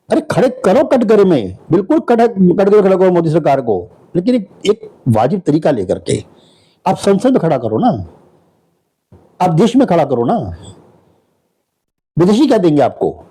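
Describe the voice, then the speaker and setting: Husky guy ranting about politics, dark voice, swings up and down a lot, scornful. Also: sits high, sing-song, moderate pace, pauses often, rough recording. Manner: heated, scornful, rhetorical questions. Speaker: political commentary host.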